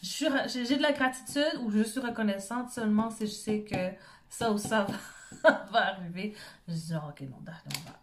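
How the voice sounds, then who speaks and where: A woman's voice: medium pitch, moderate pace. A woman with a Quebec French accent giving an informal motivational talk as a self-help coach, conversational and often checking in with short tag questions.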